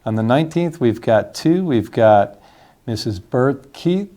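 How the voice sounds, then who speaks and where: Male host, warm low-toned voice, friendly upbeat announcements. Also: animated. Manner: friendly, upbeat, reads names slowly. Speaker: community host announcing news and birthdays. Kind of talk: casual community announcements.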